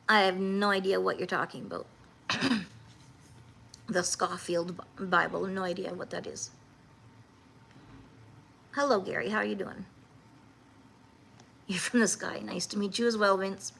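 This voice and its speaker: A woman in her fifties hosting a livestream, talking earnestly and haltingly, with many restarts, as she answers viewers' comments. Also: mid-range voice, steady tone, gravelly, a bit bright, a little hiss or hum. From Canada. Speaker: livestream host.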